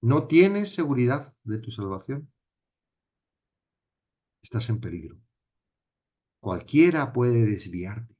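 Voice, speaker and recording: A man's voice: mid-range voice, slow pace, long pauses, breathy edge. A middle-aged man, teaching a Bible study and telling his story with acted-out dialogue. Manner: animated storytelling, acts out dialogue. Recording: dull lo-fi recording.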